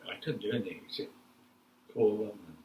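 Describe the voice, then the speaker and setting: An elderly man with a New Zealand accent, a war veteran remembering his service in a halting, repetitive way during an informal interview. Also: on the low side, darkish tone, recorded from a distance. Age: 80s or older. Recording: echoey room with faint background noise.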